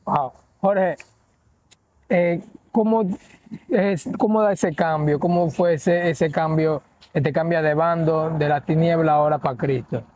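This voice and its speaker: A man interviewing a guest, asking his questions softly and hesitantly. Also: a little high, steady tone, a little slow, dry recording.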